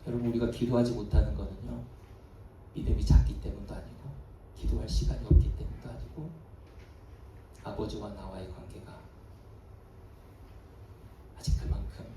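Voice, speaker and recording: A male pastor preaching a sermon, telling a story dramatically and swinging from soft, hushed lows to emphatic peaks, recorded at a service in a large church hall. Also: distant mic, a little hiss or hum. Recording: echoey hall, voice from afar.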